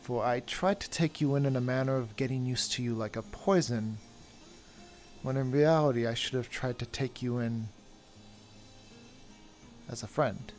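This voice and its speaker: A man's voice: mid-range voice, normal speed, long pauses, darkish tone, faint music behind, close to an everyday voice. A man playing a humble wandering traveler who wants freedom, speaking in earnest, formal phrases. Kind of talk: in-character roleplay.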